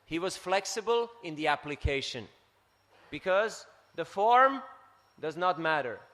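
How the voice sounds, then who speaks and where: Bright-voiced Swiss man preaching. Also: high-pitched, big-room sound. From Switzerland. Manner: animated storytelling, tags points with "huh?". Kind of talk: scripture class talk. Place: temple hall.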